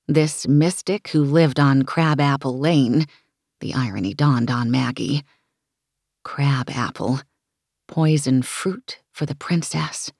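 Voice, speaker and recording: Husky low-voiced woman narrating fiction. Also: no room sound, clean studio sound. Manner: measured, expressive storytelling. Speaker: audiobook narrator.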